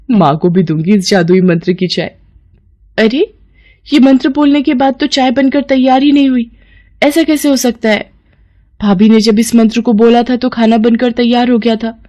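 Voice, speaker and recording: A woman voicing a nosy young sister-in-law in a cartoon story, with a high, excitable, whiny delivery. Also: close to an everyday voice.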